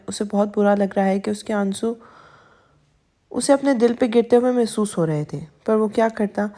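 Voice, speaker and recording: Woman narrator, scripted audiobook reading, steady, higher pitch, warm soft tone.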